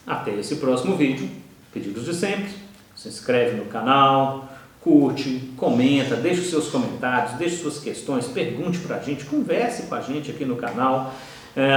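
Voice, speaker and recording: A Brazilian man with a Brazilian Portuguese accent teaching an online course, who keeps checking in with quick "ok?" and "tá?" asides. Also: mid-range voice, animated, distant mic. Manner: explanatory, frequent "tá?" and "ok?" checks. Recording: echoey room, voice from off-mic.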